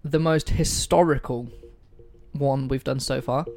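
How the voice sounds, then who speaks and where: A man hosts a casual history podcast from a room at home with pets around and food on the table, joking at his own expense and swearing now and then on a poor-quality mic. His voice is medium-pitched, steady, and a little mellow, at a measured pace.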